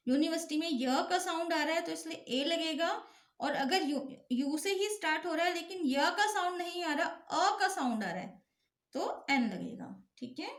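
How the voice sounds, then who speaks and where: A woman's voice: very high voice, fairly bright tone, reverberant. A woman teacher giving a grammar lesson, asking questions and answering them herself, and checking in with the class again and again. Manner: keeps repeating an affirming check-in.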